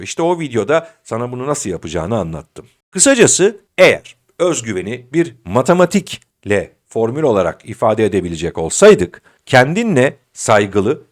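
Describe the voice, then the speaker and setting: Middle-aged guy doing a motivational pep talk, very expressive pitch, chatty and direct like he's talking to a buddy. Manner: animated, addresses the listener directly as a friend. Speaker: self-confidence coach.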